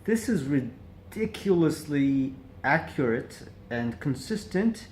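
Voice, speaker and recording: Here a male vlogger with a higher, sing-song voice speaks slowly in a darkish tone, with a little hiss or hum in the recording. Alone before the camera in a reflective monologue, he thinks aloud, hesitant and searching, repeating syllables and restarting often.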